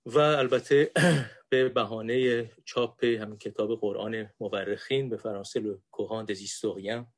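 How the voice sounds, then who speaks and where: A man's voice: on the low side, fairly even intonation. A man in his sixties, a guest lecturer, opening his talk with courteous, formal thanks to his hosts.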